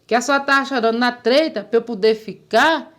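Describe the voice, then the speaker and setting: Telling a story casually during an interview, a woman gets animated and imitates the voices she is quoting. Her voice leans high, and her pace is fairly quick.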